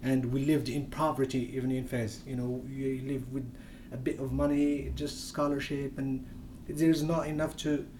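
Over a noisy background, a young Moroccan man talks in English during an interview, his native tongue being Berber (Tamazight). The voice is mid-range with little pitch movement, at normal speed and with hardly any pauses, yet his speech is hesitant and riddled with fillers and restarts.

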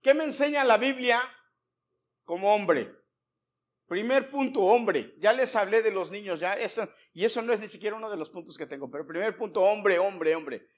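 A middle-aged pastor preaches with a fairly high voice. He is emphatic, repeats key words and keeps asking the congregation questions. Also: moderate pace. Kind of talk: sermon. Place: church before a congregation.

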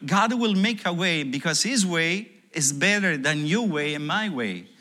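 Bright-voiced pastor preaching with passion. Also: male voice, on the high side, expressive, unhurried. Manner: earnest, emotional personal testimony with rising and falling intensity. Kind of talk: sermon.

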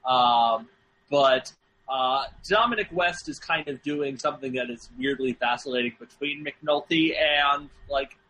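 A man's voice: medium pitch, measured pace, pushed and bright, a little hiss or hum, low-quality recording. A man co-hosting a casual film podcast, rambling and joking with lots of fillers and restarts. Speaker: podcast co-host.

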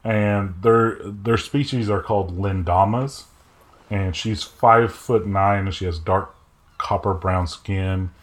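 A man narrating as game master of a tabletop role-playing game, describing scenes in a measured way. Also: fairly low pitch, steady tone.

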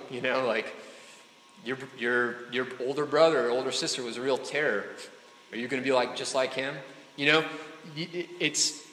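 In an echoey hall with faint room ambience and some slight background noise, a man chats his way through a sermon to students. His mid-range voice is a bit bright, and he keeps asking "right?" and "okay?" and slips in joking asides.

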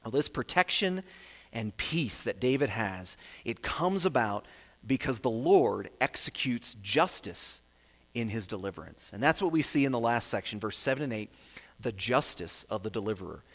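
A man preaching a sermon with earnest emphasis, rising on key phrases and dropping low and soft at their ends. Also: lively intonation, moderate pace. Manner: earnest, builds emphasis then drops to a soft low close. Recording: long hall reverb.

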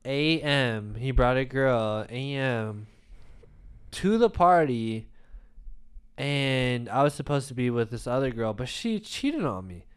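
Young man, smooth clear voice, animated storyteller, swearing, casual chat. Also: mid-range voice, takes it slowly. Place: home basement.

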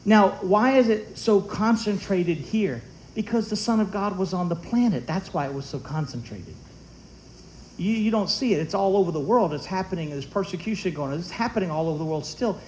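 Pastor, male, higher pitch, conversational sermon with jokes, light hiss in the room. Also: fairly quick, poor audio. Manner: animated, conversational preaching with humorous asides. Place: church sanctuary.

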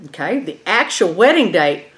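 A woman's voice: fairly low pitch, big pitch swings, normal speed, a bit bright. A woman with a twangy West Texas accent teaching an informal Bible lesson in a folksy way, often checking in with the group. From eastern New Mexico and West Texas, USA.

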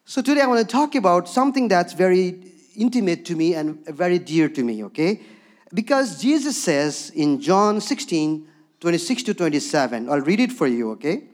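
This is a sermon with personal storytelling, delivered by a higher-voiced man in a sing-song way at normal speed. He has a Himalayan accent, comes from Darjeeling, India, and has a Bhutanese background. Conversational in manner, he keeps asking listeners "okay?".

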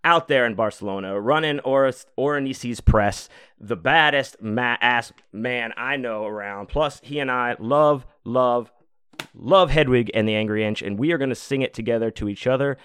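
A man's voice: mid-range voice, normal speed, a bit bright, clear, resonant tone, no echo. A man hosting his own podcast, talking loosely and rambling, with lots of fillers and swearing. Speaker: podcast host. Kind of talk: casual solo podcast monologue. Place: home room.

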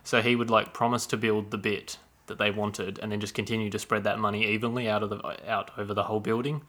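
A man's voice: fairly low pitch, little pitch movement, quick pace, sharp tone. A man hosting a casual podcast, rambling and self-deprecating, explaining history at length. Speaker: podcast host. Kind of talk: casual chat.

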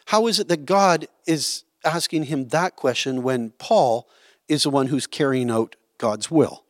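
A man's voice: medium pitch, a little slow, no room sound, studio quality. A man teaching a Bible study, explaining a passage in a conversational way and often checking in with "right?".

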